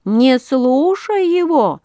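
A woman's voice: medium pitch, animated, slow pace, a little mellow, no echo, clean studio sound. A woman voicing a sly male ruff fish who teases and makes excuses. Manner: sly, teasing, making excuses.

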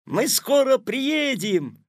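A man's voice: a little high, big pitch swings, moderate pace, vocal fry, husky, no room sound, studio quality, exaggerated voice. A man voicing a curious schoolboy in an audiobook, eager and full of wonder. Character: curious schoolboy who skipped his homework. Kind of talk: audiobook character voice.

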